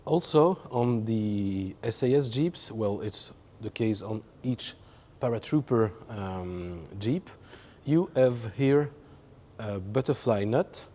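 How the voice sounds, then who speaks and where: Man, english speaker, slow talk, darkish tone, lots of pauses. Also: on the low side, warm tone. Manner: halting, searching for words with many fillers. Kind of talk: explaining a vehicle exhibit.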